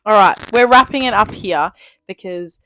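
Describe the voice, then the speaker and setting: A young woman, co-hosting a casual podcast. She laughs in loud bursts and swears casually. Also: medium pitch, normal speed, soft background music. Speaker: podcast co-host. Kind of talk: casual chat.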